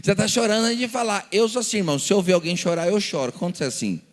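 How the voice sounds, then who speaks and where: The high-pitched, fast voice belongs to a Brazilian Portuguese-accented pastor giving a lively church seminar talk. He narrates stories, acts out the dialogues and throws in rhetorical questions, all in a big-room sound.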